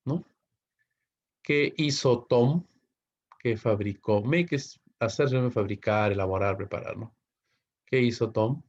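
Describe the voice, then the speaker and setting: A man from Peru teaching an English lesson in Spanish. He explains step by step, keeps asking his students "ok?" and reads the English example sentences slowly and clearly. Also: medium pitch, a little mellow, highs cut off. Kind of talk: recorded classroom lesson.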